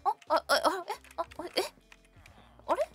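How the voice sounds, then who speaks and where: A young woman with a very high, expressive, slightly bright voice speaks at a measured pace while streaming a game as a VTuber. She chats casually and teases her viewers in a playful, talkative way. Faint music plays behind her voice.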